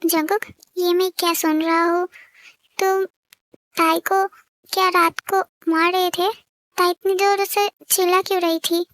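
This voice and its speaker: A stern middle-aged mother, as a woman plays her in a fan-fiction audio story. Her voice is very high, and the recording is close and dry. She scolds with pointed questions. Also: flat delivery, a little slow, pauses often, a bit bright, no echo.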